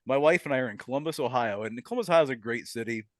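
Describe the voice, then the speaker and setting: A man's voice: mid-range voice, rapid-fire, no room sound. A chatty man with a mid-range voice tells a story on a casual podcast. He laughs a lot, and the recording is dry and close. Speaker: podcast co-host.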